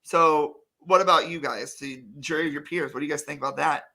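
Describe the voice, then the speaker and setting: Bright-voiced podcast co-host. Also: medium pitch, fairly even intonation, brisk, creaky, poor audio. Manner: chatty, laughs and reads chat comments. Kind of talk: casual discussion.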